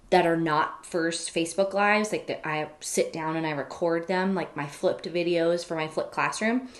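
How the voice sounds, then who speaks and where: Chatty woman teaching on a live stream. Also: fairly low pitch. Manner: chatty, laughs often, many fillers and self-corrections. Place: home office. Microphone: computer webcam mic.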